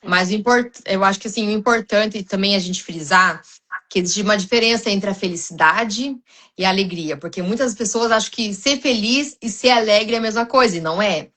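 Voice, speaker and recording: Uma mulher brasileira, com sotaque brasileiro, fala com sinceridade em um podcast cristão, com muitas hesitações e recomeços. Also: female voice, medium pitch, brisk, fairly bright tone. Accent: Brazilian Portuguese. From Brazil. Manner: earnest, many restarts and fillers, addresses listeners as "gente". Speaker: podcast guest.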